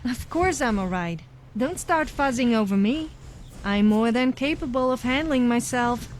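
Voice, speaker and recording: Woman playing Sophia, a cocky higher-voiced adventurer. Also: expressive, a little slow, a little hiss or hum. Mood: defensive. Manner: cocky, sarcastic, teasing. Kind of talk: comedic voice acting for a video game follower.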